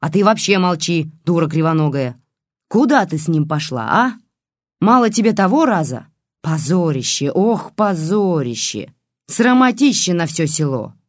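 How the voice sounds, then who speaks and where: A woman's voice: low-pitched, big pitch swings, normal speed, dry recording, studio quality. A reader voicing a furious one-eyed old village woman who scolds and curses shrilly. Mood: scornful. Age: older.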